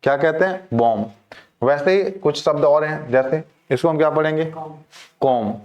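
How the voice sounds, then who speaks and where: A man's voice: on the high side, moderate pace, lo-fi sound. A male teacher giving a classroom lecture on English pronunciation. He keeps asking the class questions and then answering them himself.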